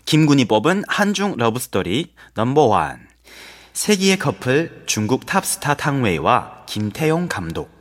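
A man presenting a segment on a talk show, narrating in a polite, measured way. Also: mid-range voice, sing-song. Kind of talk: scripted narration.

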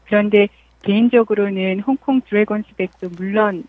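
A woman's voice: mid-range voice, fairly even intonation, normal speed, no echo. A woman phones in to a radio program as its correspondent abroad. She sounds friendly and informative. The line is thin and phone-like, with no room sound around her voice. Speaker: Hong Kong correspondent. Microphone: telephone. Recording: tinny, dry phone line.

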